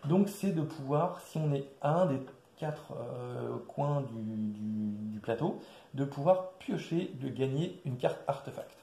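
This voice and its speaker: A man casually walking through a board game's rules, with many fillers and restarts, recorded quietly in an echoey room. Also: expressive, unhurried, creaky. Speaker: board game presenter. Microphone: quiet distant mic. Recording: echoey room, low level.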